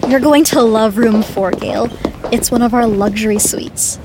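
An actress playing a polite, attentive inn hostess giving a room tour. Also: female voice, on the high side, measured pace, background noise, lightly acted. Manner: courteous, descriptive tour-guide tone.

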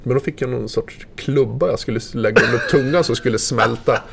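Man, mid pitch with fry, casual vivid storyteller, slight background noise. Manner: vivid, loose retelling full of fillers and mild swearing. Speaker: former ski racer guest.

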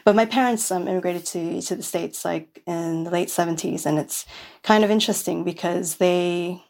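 A New York City woman chats as a podcast guest, her fairly low voice carrying vocal fry and a slightly mellow quality at a moderate pace. It's a casual interview, and she rambles with plenty of fillers and restarts.

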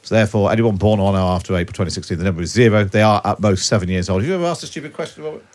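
A man hosting a political radio podcast in a brisk, jokey, chatty way. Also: on the low side, darkish tone. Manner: brisk, jokey, laughs often. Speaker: radio presenter.

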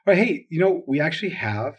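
Minnesotan man, husky casual podcast voice. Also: fairly high pitch. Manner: relaxed, chatty, with fillers and quick reactions. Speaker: podcast co-host.

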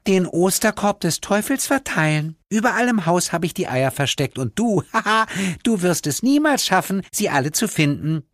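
A man's voice: sits high, sing-song, moderate pace, no echo, clean studio sound, voice pushed up. A man voicing a spiteful female angel from hell who taunts and gloats. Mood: gloating.

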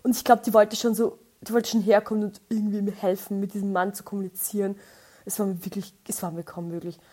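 A young woman with an Austrian accent, telling everyday stories as a podcast host in a chatty, animated way and acting out the dialogue. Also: medium pitch, quick pace, breathy edge. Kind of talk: casual storytelling.

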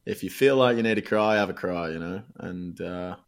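Deep-voiced laid-back young man. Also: moderate pace. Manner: laid-back, swears freely, slangy. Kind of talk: casual chat.

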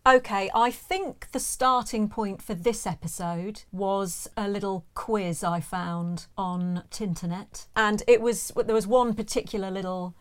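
A woman co-hosts a relaxed trivia podcast. She talks in a chatty, easygoing way and keeps quizzing her partner with odd facts. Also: medium pitch, unhurried, few pauses, smooth, soft background music. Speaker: podcast co-host. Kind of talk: casual trivia chat.

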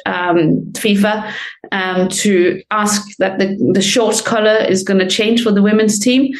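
A woman answers interview questions as a sports medicine lecturer. Her voice has a middle pitch. She explains at length in a conversational way, with frequent fillers. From Denmark.

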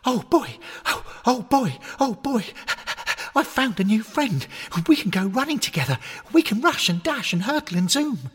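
A man voicing an excitable young male dog who blurts out shrieking exclamations. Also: extremely high pitch, normal speed, slightly rough, long reverb tail, pitched above the performer's own voice, exaggerated voice. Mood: overjoyed.

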